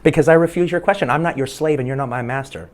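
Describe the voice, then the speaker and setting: A man's voice: mid-range voice, fairly even intonation, lightly acted. A man acting out a defiant grown man who indignantly refuses to be ordered around, in a comic skit. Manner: indignant, quick, protesting.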